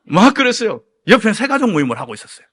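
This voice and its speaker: Animated storytelling male pastor. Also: fairly high pitch, a little fast. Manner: animated storytelling, acts out his own shouting and others' lines. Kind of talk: evening church sermon with personal anecdote.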